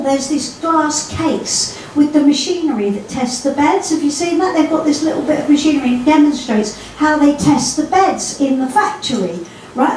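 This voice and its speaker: Cheeky end woman doing standup, high lively voice, echoey far-off sound. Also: a little hiss or hum. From East London. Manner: chatty, cheeky, addresses the audience directly. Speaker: stand-up comedian. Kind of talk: stand-up comedy routine. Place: comedy stage. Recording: echoey room, mic far off.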